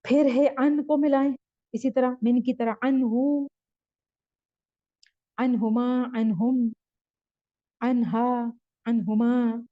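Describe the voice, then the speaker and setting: A woman teaching Arabic grammar in a slow spoken lesson, patiently repeating each word form with its meaning. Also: on the high side, fairly even intonation, no room sound, lo-fi sound.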